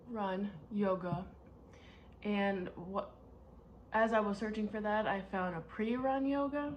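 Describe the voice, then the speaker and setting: A woman's voice: medium pitch, dull audio, slight background noise. Candid, rambling woman vlogger. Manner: candid, rambling, with frequent repetition. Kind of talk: casual personal vlog.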